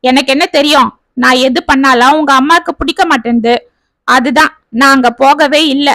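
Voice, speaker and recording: A woman voicing a sharp-tongued, lazy young daughter-in-law who answers back with scorn in a storybook tale. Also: high voice, fairly even intonation, normal speed, no room sound. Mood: defiant. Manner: snappy, scornful, talks back.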